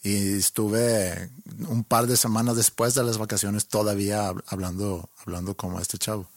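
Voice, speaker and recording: A man's voice: fairly low pitch, fairly even intonation, moderate pace, dry recording, clean studio sound. Easygoing Mexican man telling stories. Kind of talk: casual chat between friends.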